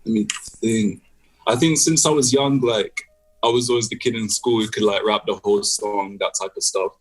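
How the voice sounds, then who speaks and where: A man's voice: on the low side, fairly even intonation, moderate pace, husky. A young man from the UK, a guest musician on a video call, talking in a laid-back way with lots of fillers. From United Kingdom. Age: young adult. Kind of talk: casual video-call interview.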